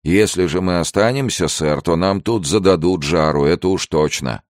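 A man with a very deep voice voicing a wary, stubborn ship's sailor who refuses firmly but respectfully in a story reading. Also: moderate pace, dry recording, studio quality, lightly acted. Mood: refusing.

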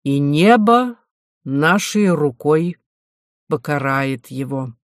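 A reader voicing a stern, scheming older medieval bishop who talks slowly and quietly in an audiobook. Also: medium pitch, lively intonation, no echo, clean studio sound. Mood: stern, cold. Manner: slow, measured, quiet.

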